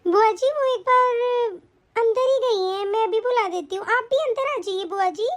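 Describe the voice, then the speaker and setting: A woman voicing a kind, cheerful young daughter-in-law in an animated story, polite and respectful. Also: very high voice, moderate pace.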